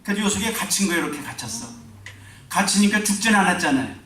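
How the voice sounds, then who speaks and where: A man's voice: sits high, animated, quick pace, bright, forceful tone. A male pastor preaching a revival sermon and telling a story with emphatic rises and drops. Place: church sanctuary. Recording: echoey hall, distant mic.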